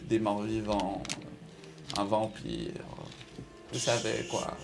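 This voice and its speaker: A man's voice: fairly low pitch, expressive, slow pace, gravelly, background noise. A man, improvising narration and dialogue as a tabletop game master in a casual, hesitant way. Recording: music playing behind the voice. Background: music.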